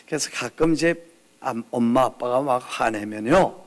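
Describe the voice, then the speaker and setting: A man preaching a sermon as a pastor, telling a story and acting out prayers in quoted voices, swinging from loud exclaiming to hushed near-whispers. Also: mid-range voice, moderate pace.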